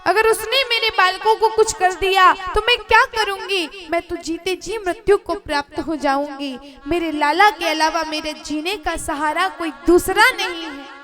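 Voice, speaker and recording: Casting: woman putting on a mother fearing for her son, high and pleading, music behind. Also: unhurried. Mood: anguished. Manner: pleading, emotional.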